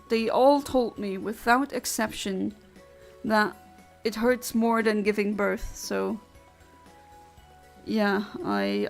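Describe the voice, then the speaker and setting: A streamer whose first language is Luxembourgish chats casually with her livestream audience, answering their messages. Her mid-range voice is gravelly, and she comes across blunt, literal and talkative, restarting her sentences often.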